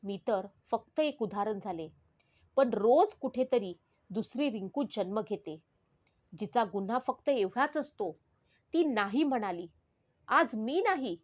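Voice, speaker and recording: A woman's voice: a little high, animated, a little slow, dull audio. A woman narrating in the first person as the spirit of a murdered teenage schoolgirl, in a solemn, pleading manner. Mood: grieving.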